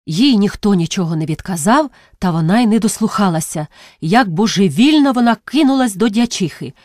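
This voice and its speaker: A woman reading a classic novel aloud as a narrator, measured and dramatic. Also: medium pitch, lively intonation, a little mellow, no room sound, studio quality. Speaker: audiobook narrator. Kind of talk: expressive literary narration.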